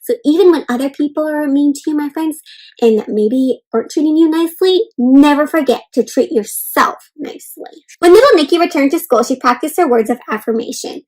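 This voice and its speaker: This read-aloud host's high-pitched, darkish voice moves fairly quickly as she reads a storybook to young children. She encourages and reassures them, often pausing to explain simply and check in, though the audio quality is poor.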